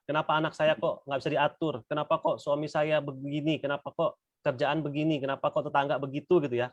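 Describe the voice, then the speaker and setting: A man giving an informal religious talk over a video call, relaxed and conversational, often speaking straight to his listeners. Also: fairly high pitch, no room sound. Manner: relaxed conversational, addresses listeners as "Bapak Ibu". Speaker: speaker at a weekly religious study session.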